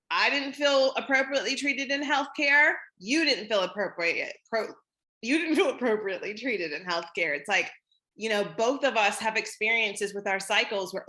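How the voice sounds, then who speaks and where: Bright-voiced woman co-hosting a chat. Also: on the high side. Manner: bubbly, laughs often, acts out quotes. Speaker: co-host. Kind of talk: casual chat.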